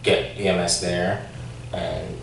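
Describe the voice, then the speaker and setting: This ex-policeman's voice is low and gravelly, his delivery flat and slow as he faces questions at a formal hearing. Hesitant, he keeps using fillers and restarting sentences. A distant microphone in an echoey room picks him up with faint noise.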